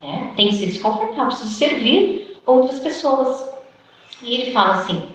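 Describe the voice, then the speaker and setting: A woman's voice: high voice, lively intonation, moderate pace. A Brazilian woman with a Brazilian Portuguese accent giving an informal sermon to a women's group, chatty, acting out quoted dialogue and often adding "né?". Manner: conversational, acts out quoted dialogue, frequent "né?" tag questions. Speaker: women's ministry teacher. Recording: echoey room, distant mic, dull lo-fi sound.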